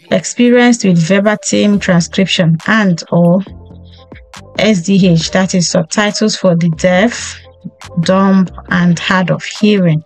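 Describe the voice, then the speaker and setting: Voicing over a screen recording into a close desk mic, a career tips host with a mid-range voice goes through a job listing on screen. She reads its items in list form, often saying um and restarting. The recording quality is low.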